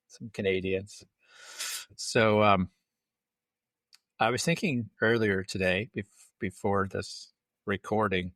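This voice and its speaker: A man's voice: sits low, a bit bright, no room sound, clean studio sound. A man hosting an interview podcast, talking casually and conversationally with small restarts. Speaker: podcast host.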